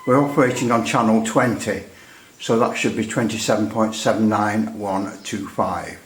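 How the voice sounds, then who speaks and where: Indoors at a workbench in an echoey room, a radio hobbyist presents an unscripted repair demonstration, chatty, rambling, and hesitant, with dry humour. His voice is on the low side, with fairly even intonation at a moderate pace.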